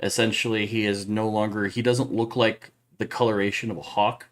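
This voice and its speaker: A man describing his character's actions during an online tabletop role-playing game, in slow, drawn-out narration. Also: lowish voice, little pitch movement. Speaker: player.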